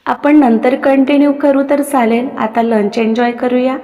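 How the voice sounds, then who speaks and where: A woman's voice: high-pitched, fairly even intonation, normal speed, mellow, lightly acted. A woman voicing a confident, mischievous young man with a smug, teasing manner, in a story with a long reverb.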